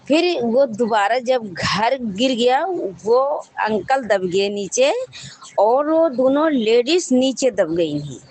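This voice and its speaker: A woman's voice: fairly high pitch, a little mellow, slight background noise, rough recording. A woman sharing a devotional testimony with a congregation, telling her story in a rambling, repetitive way with frequent restarts.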